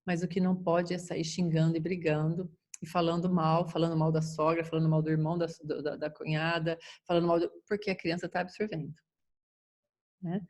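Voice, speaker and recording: A woman's voice: fairly low pitch, level tone, brisk, a little mellow. Woman giving parenting advice. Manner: acts out parents and children in quoted lines. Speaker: parenting educator. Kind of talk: informal talk on child-rearing.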